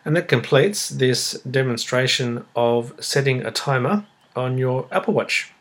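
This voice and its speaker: A man with a slightly husky voice giving a casual, unhurried step-by-step tutorial, explaining each action as he goes. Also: mid-range voice, fairly bright tone, a little hiss or hum. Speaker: tutorial presenter. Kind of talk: step-by-step spoken demonstration, casual.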